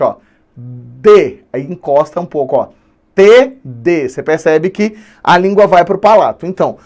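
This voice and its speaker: A man's voice: high voice, darkish tone. A man with a Brazilian Portuguese accent teaching an online grammar lesson, playful and drawing out key words for emphasis. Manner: playful, slips in English and Spanish words.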